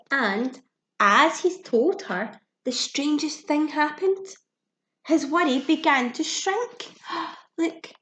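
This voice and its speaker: A muffled recording captures a high-pitched woman reading a kids' storybook like a teacher. Her child-directed speech is simple and expressive, full of audible gasps and questions for her young listeners, and the room sounds echoey.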